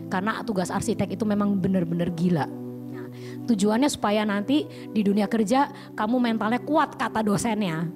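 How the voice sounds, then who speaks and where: A woman evangelist giving a testimony sermon, telling her story with lively drama and asking the listeners direct questions. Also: mid-range voice, fairly quick, over music. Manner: lively storytelling, acts out her own past panic and prayers. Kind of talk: testimony sermon to a youth service.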